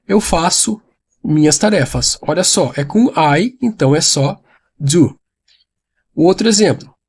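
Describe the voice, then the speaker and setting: A man gives an online English lesson. His voice sits high but sounds soft and mellow, with no edge to it. He explains patiently, repeating each point and addressing the viewer directly. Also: expressive, measured pace, husky. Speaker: English teacher.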